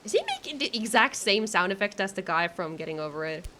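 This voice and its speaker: A woman doing casual live game commentary for her stream chat, excitable and nervous, with giggles and exclamations. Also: medium pitch, fast, a little hiss or hum.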